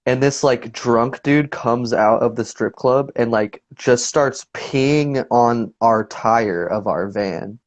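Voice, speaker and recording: A man's voice: mid-range voice, slow pace, few pauses. A man in his twenties, a guest musician telling stories in a rambling, laid-back way full of fillers. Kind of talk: casual interview chat.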